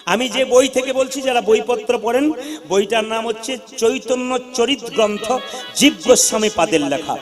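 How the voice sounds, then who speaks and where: High-voiced man preaching over music. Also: moderate pace. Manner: animated, speaks straight to the audience and demands replies. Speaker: devotional preacher. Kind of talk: devotional sermon with sung chants. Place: outdoor gathering by water. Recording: clear music playing under the voice.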